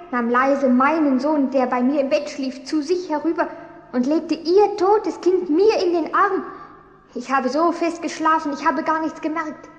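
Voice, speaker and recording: A woman's voice: sits high, muffled recording, lightly acted. Desperate young mother, a woman acting. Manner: pleading, emotional. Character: young mother fighting for her baby. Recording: reverberant hall echo.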